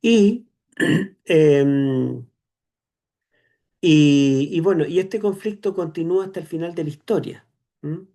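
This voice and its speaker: A Chilean man teaching a theology class, explaining slowly with many "eh" fillers and tag questions. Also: a little high, mellow. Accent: Chilean Spanish. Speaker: seminary teacher. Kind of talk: online theology lecture.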